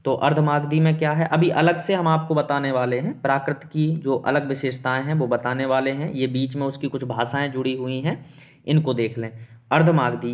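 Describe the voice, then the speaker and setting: A man teaching an exam-prep lesson, explaining step by step with rhetorical questions and calling his students "beta". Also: medium pitch.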